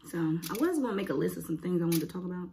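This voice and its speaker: A woman's voice: fairly low pitch, animated, racing, creaky, warm tone, slight background noise. A young adult woman chatting casually as a mukbang host, rambling and muttering informally to herself between bites. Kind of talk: casual chat while eating. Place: indoors at home, cloth backdrop.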